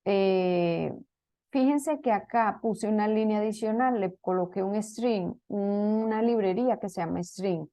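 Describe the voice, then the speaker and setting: Her mid-range voice is unhurried and mellow as she leads an online programming class. Walking students through the code one step at a time, she fills her speech with fillers and restarts and keeps asking "¿ok?".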